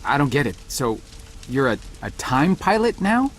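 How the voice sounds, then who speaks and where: A man's voice: medium pitch, very animated, moderate pace, slight background noise, lightly acted. A man voicing a bewildered, disbelieving janitor. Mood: confused. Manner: confused, incredulous questions. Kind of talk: adventure game voice acting.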